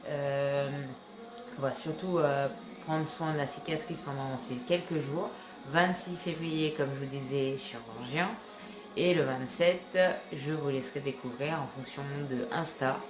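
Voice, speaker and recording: Congested with a cold, a young vlogger from France talks to her phone camera in a rambling, casual way, full of fillers and restarts. Her voice rumbles low, and the sound is reverberant.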